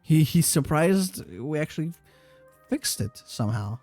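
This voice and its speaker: A man's voice: a little high, expressive, measured pace, a little mellow, no echo, faint music behind. A man giving casual, rambling gameplay commentary, swearing offhandedly and laughing at his own mistakes. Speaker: gaming YouTuber.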